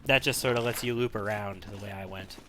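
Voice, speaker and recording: A man's voice: on the low side, brisk, bright, forceful tone. A man giving casual, analytical gameplay commentary, sometimes repeating himself as he thinks. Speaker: video game let's player. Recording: faint background noise.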